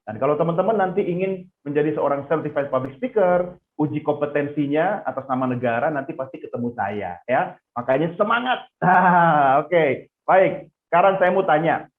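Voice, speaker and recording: A man teaching public speaking in an online class, lively, calling on students and praising their answers. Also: fairly high pitch, moderate pace, hardly any pauses. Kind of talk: online class for pageant contestants. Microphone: video call. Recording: tinny phone-like audio.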